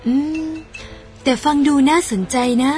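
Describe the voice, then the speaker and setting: A woman voicing a calm, thoughtful adult woman doctor in an audio drama. She speaks in a measured, gentle, reasoning way, like a caring older sister. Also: faint music behind, natural voice. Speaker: doctor character.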